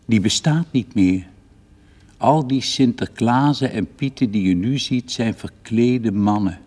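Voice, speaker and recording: An older man voicing a calm, frank mother in a read-aloud story, in his own husky voice. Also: mid-range voice, unhurried. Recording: reverberant studio recording.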